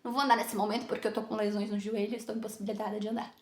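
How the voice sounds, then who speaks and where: A young woman telling a personal story to camera in a lively way, laughing often and acting out what people said. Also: mid-range voice, racing. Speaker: vlogger. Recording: echoey room.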